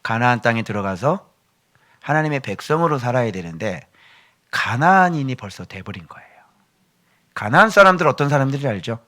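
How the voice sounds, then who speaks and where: Lively, bright-voiced male pastor preaching. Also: medium pitch, fairly quick, pauses often. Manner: animated, joking asides to the congregation. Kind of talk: sermon.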